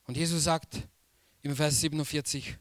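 A man preaching a sermon slowly and emphatically, repeating key phrases for weight. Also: on the high side, fairly even intonation, dry recording.

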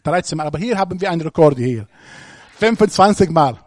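A man's voice: a little high, lively intonation, fairly quick, no room sound, studio quality. A man preaching a sermon, speaking emphatically and putting questions straight to the congregation.

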